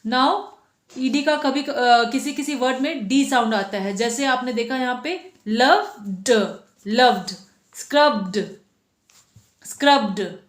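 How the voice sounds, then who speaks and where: A woman's voice: sits high, unhurried, echoey room. A woman teaching a phonics lesson to children, patiently sounding out letters one by one and asking the class questions.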